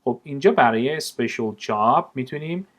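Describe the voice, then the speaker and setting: A man's voice: medium pitch, expressive. Man teaching English vocabulary in Persian. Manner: explains words in Persian, reads English examples slowly. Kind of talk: vocabulary lesson.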